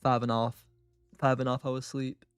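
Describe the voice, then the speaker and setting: A man's voice: medium pitch, flat delivery, a little fast, clean tone, dry recording, faint music behind. Tired man thinking aloud on a stream. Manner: thinks aloud, trails off, answers chat. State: tired, short on sleep. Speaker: streamer, day trader. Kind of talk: casual live-stream commentary.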